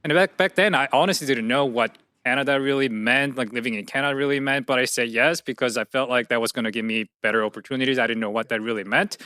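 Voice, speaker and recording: A man's voice: mid-range voice, fast, few pauses, sharp tone, no echo, studio quality. A young man, a guest telling his story thoughtfully in a casual interview, with many fillers and restarts. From South Korea. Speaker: guest, entrepreneur.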